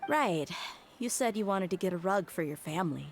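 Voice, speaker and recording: An actress playing a tough, candid young female mercenary in a video game, wistful but resolute, speaking in a measured, reflective way. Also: on the low side, lively intonation, very noisy. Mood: easygoing. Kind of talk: scripted game dialogue. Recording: prominent music under the voice.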